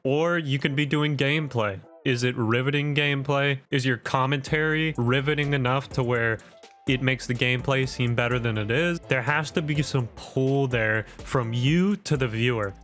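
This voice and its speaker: Male online video host, medium pitch, wired and over-caffeinated, punchy emphatic tutorial delivery, faint music underneath. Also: moderate pace, a bit bright. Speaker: YouTube content creator and host. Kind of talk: direct-to-camera tutorial, scripted vlog. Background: background music.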